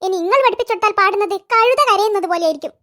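A woman's voice: very high-pitched, rapid-fire, bright, forceful tone. Salman, a cheeky cartoon boy. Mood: teasing. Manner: teasing, whiny complaints. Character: cheeky young boy, Salman, quick with teasing. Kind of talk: cartoon voice acting.

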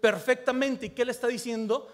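Man, pastor preaching, fairly high voice, fervent and repetitive, long church echo. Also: steady tone, fairly quick. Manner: impassioned, repeats phrases, asks the listener direct questions. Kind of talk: sermon. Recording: long reverb in a large hall.

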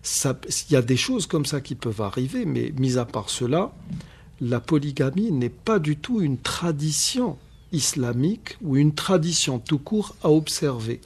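A man, hosting a radio discussion on Islam and explaining points in a measured, emphatic way. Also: fairly high pitch, expressive, darkish tone, slightly rough. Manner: measured, emphatic, firm rebuttals, many repetitions. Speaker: radio show host on Islam.

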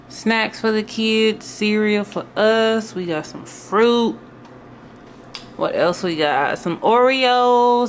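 A young woman vlogging casually in her kitchen, sounding tired and talking low and soft as she goes through her groceries. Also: slight background noise. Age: young adult. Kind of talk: casual vlog narration. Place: home kitchen indoors. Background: background music.

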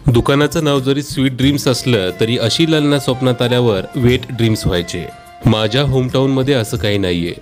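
Brief: low-voiced man, dry deadpan humor, travel vlog narration over soft music. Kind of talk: scripted comic voice-over narration.

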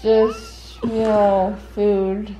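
A woman's voice: medium pitch, huge pitch swings, drawn-out words, heavy background noise. A young woman, groggy and loopy from sedation, rambling casually with a mouth just out of surgery. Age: young adult. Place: living room at home, on a couch. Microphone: handheld camera a short distance away.

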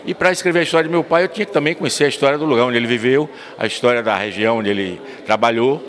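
A man's voice: medium pitch, very fast, fairly bright tone. An older man from Bahia, telling local history earnestly as a guest in a council chamber interview, into a handheld mic. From São Miguel das Matas, Bahia, Brazil. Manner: earnest storyteller, expansive, restarts words. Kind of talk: recorded interview. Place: municipal council chamber, indoors. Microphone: handheld mic held by interviewer.

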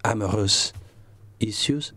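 A man playing an aloof, pompous French gentleman, speaking with a French accent in a deadpan, languid way. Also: fairly low pitch, takes it slowly, breathy edge, no echo, full character voice. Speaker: comedian guest. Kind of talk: in-character comic interview.

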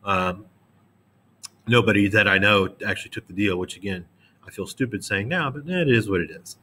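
A man in his late thirties or forties gives a relaxed classroom lecture, talking to his students conversationally. His voice sits slightly low but carries a bright, forceful edge. He slips into quick acted-out examples to make his points. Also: a little hiss or hum. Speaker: middle school history teacher.

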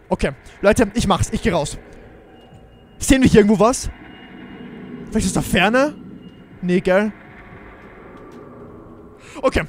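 A man's voice: extremely high pitch, a little hiss or hum. A man giving jumpy, exclaiming commentary on a Minecraft role-play adventure, talking straight to his viewers. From Germany. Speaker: gaming YouTuber.

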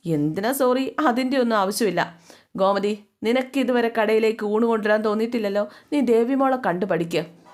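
A woman's voice: a little high, normal speed, lightly acted. A woman voicing an older shopkeeper father who dotes on his new daughter-in-law and chides his wife, in a retold family serial. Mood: chiding. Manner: fond, indulgent, chiding his wife. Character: older father, shop owner, mild and fond.

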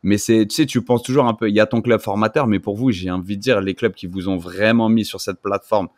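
A man with a fairly low voice sets up a question in a loose, rambling way and trips over repeated words. The sound is close and dry. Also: fairly even intonation, quick pace, a little mellow, no echo. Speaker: co-host. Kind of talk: casual chat.

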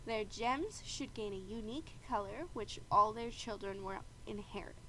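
This video game host is a woman with a mid-range voice who talks at a normal speed, sounding stuffy and congested from a bad cold. She keeps clearing her throat as she chattily narrates the gameplay and explains the rules in a casual way. The recording is poor quality, and background noise runs steadily throughout.

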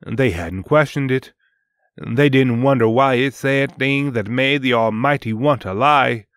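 A man hosting and narrating a dark story in a solemn, deliberate, dramatic scripted style. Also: medium pitch, clear, resonant tone, dry recording, studio quality. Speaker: host and storyteller.

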